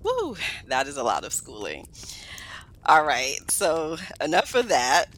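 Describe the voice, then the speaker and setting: A woman's voice: deep voice, measured pace, rough recording. A woman in her thirties from Guyana and Brooklyn, a psychiatrist speaking as a podcast guest in an upbeat, good-humored way. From Guyana, raised in Brooklyn, New York. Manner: upbeat, lively, laughs easily. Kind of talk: podcast interview.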